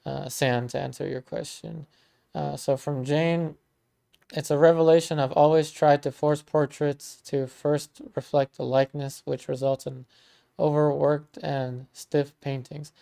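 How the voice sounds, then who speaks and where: Reading comments aloud during a laid-back painting livestream, a Maryland man in his thirties chats with his audience and warmly thanks them, often saying um and restarting sentences. His creaky voice runs on the high side at a measured pace.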